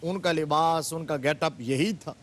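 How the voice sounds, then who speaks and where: A man, a religious scholar guest on a TV studio program, retelling history with fervor and rising emphatic stresses. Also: a little high. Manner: fervent, building to emphatic exclamations. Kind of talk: religious TV discussion, storytelling.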